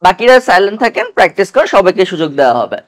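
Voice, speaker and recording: A man teaching English pronunciation to a class, drilling letters slowly and patiently for students to repeat. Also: high-pitched, sing-song. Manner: slow, patient, repeats each sound for students to echo.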